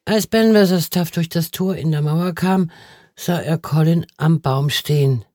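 A reader giving calm, even scripted narration of a children's novel. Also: mid-range voice, a little slow, dry recording, clean studio sound. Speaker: audiobook narrator.

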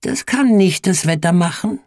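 A reader voicing a frail, gentle older village woman in a storybook reading, soft and earnest. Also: medium pitch, expressive, normal speed, dry recording, clean studio sound, pitched above the performer's own voice, lightly acted. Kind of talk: audiobook reading.

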